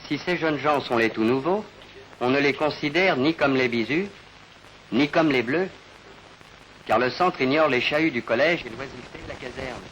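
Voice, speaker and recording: A man narrating a 1950s broadcast documentary in a measured, formal manner, sometimes posing rhetorical questions. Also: medium pitch, noisy background. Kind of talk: scripted narration. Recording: narration over clear background music.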